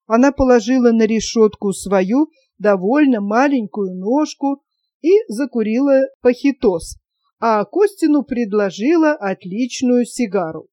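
A woman reading a classic story aloud in an even, measured storytelling manner. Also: a little high, no room sound, clean studio sound. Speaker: audiobook narrator. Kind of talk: literary narration.

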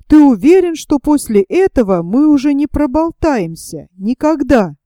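A woman voicing a frightened, superstitious ragged boy who talks in anxious, pleading hushes. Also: high voice, sing-song, normal speed, no echo, clean studio sound, pitched above the performer's own voice. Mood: scared whisper.

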